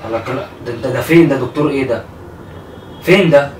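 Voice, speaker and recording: A man's voice: medium pitch, fast. Egyptian young male, concerned and insistent, echoey noisy room recording. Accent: Egyptian Arabic. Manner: worried, pressing questions, comforting. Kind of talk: caught-off-guard conversation. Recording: distant roomy mic with room noise.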